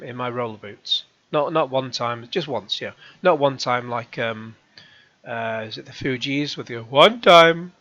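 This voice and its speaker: A middle-aged man hosting his own channel, reading out comments and answering them with sarcasm and rambling asides, his voice going hoarse. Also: medium pitch, pushed and bright, dull audio. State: hoarse, coughing. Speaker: YouTube channel host.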